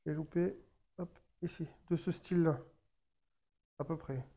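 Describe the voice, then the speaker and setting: A man giving a casual how-to explanation of a fishing rig, talking while he works with his hands and pausing often with fillers and restarts. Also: a little high, steady tone, gravelly, mellow. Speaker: fishing tutorial maker.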